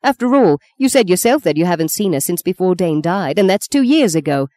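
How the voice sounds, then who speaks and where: A woman's voice: on the low side, sing-song, a little fast, warm tone. A woman voicing a grieving older mother, anguished. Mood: angry. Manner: anguished, pleading.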